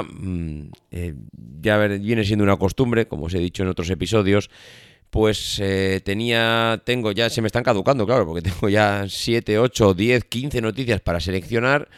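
A man's voice: lowish voice, clean tone, no room sound. Congested, nasal male podcaster from a dry mic. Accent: Spain. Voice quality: nasal, congested from a blocked nose. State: stuffed up with a head cold. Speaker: podcast host. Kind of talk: solo podcast talk.

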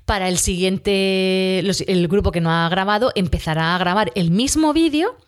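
A woman's voice: mid-range voice, moderate pace. A woman teacher with a cough, chatting casually about a class and often correcting herself mid-sentence. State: has a cough. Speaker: school teacher. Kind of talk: casual spoken account of a class.

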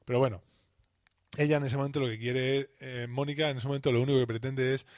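A man from co-hosts a casual podcast, retelling scenes with lively acted-out bits. His pitch sits in the middle for a man. The sound is close and dry. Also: fast talker, no echo. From Spain. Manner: animated retelling with acted-out quotes. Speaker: podcast co-host.

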